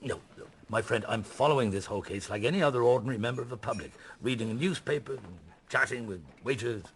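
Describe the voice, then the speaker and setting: An actor playing a shrewd French police inspector on holiday in a radio drama, speaking in a wry, hesitant, conversational way. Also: male voice, mid-range voice, fast, close to an everyday voice. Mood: genial, wry.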